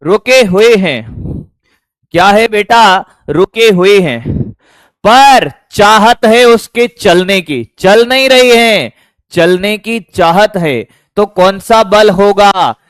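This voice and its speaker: A man's voice: high voice, slow, no room sound. A man teaching physics to a class, often calling students "beta" and firing repeated check questions at them. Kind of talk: classroom lecture.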